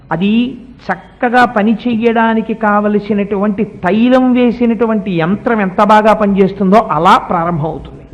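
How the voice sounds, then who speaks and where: A middle-aged man giving a devotional discourse, explaining at length and chanting mantras slowly. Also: high-pitched. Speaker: religious speaker.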